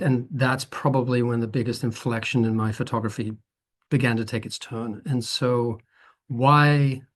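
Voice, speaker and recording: A Dutch photographer in his fifties, appearing as a guest, speaks at length in a relaxed conversational interview. His medium-pitched voice is thoughtful and meandering, and he often restarts his sentences.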